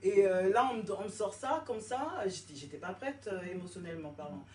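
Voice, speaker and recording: A woman in her forties from France talks through her own story in a relaxed interview, animated, slipping into the voices of the people she quotes. She sits well back from the microphone, so her voice carries a roomy echo. A faint hiss runs underneath. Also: mid-range voice, fairly quick. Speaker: interview guest, fashion designer. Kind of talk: casual conversational interview. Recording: roomy echo, distant mic, faint noise.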